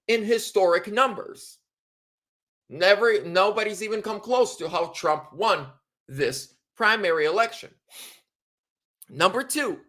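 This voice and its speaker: A man giving casual political commentary in an animated, emphatic way, often repeating himself. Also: sits high.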